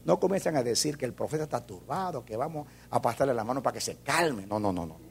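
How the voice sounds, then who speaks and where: A man preaching a sermon as a pastor, swinging between loud fervor and hushed intensity. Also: medium pitch, lively intonation, fast talker, creaky, slight background noise.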